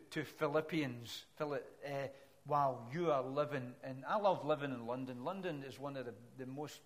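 A man's voice: on the high side, slight background noise. Glaswegian man preaching a sermon. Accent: Glaswegian Scottish. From Scotland. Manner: conversational, self-deprecating asides between scripture readings.

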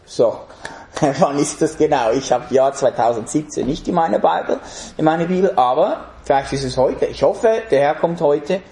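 A man's voice: fairly high pitch, animated, normal speed, dark tone, echoey room. A man preaching a sermon in an emphatic way, putting rhetorical questions to the congregation.

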